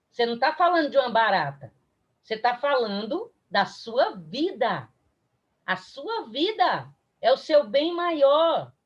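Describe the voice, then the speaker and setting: A woman's voice: on the high side, highs cut off. A woman with a Brazilian accent giving a spiritist lecture online, incisive and direct with her listeners. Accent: Brazilian Portuguese. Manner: emphatic, direct, addresses audience.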